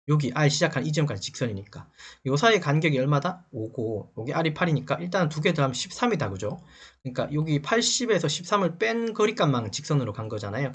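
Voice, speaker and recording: A man's voice: mid-range voice, slightly rough. A man teaching CNC programming over a screen recording. He asks questions and answers them himself, with short checks like "right?". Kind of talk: screen-recorded lecture explaining a drawing.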